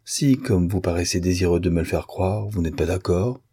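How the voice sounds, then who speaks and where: An ironic, worldly princess, coaxing and softly mocking, as a male reader puts her on. She comes through in a raised, soft tone above a deep, husky man's voice. A storybook reading with a dark, mellow timbre. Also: normal speed. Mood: teasing. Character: teasing, worldly seductive princess, adult woman.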